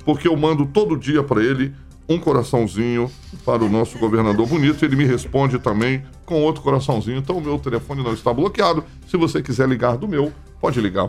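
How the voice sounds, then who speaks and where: A Brazilian man hosting a radio show, chatty and salesy as he reads ads live and jokes with co-hosts. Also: mid-range voice. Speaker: radio host. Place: radio studio.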